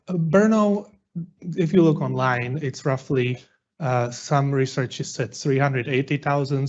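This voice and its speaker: A man in his thirties from the Czech Republic with a Czech accent, presenting as a guest chef in halting non-native English with frequent fillers. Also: medium pitch, muffled recording. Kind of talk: presentation talk.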